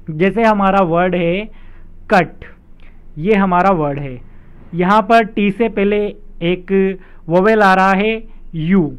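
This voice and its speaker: The speaker is an English teacher, a man with a high and smooth voice, explaining spelling one step at a time. He takes the rules slowly and repeats them with examples, captured in dull lo-fi sound.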